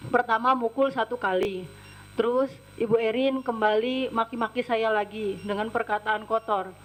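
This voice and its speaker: A woman's voice: a little high, rough recording. Tearful woman giving testimony. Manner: recounts events step by step, often quoting others. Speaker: domestic worker giving testimony. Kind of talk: tearful testimony recounting events.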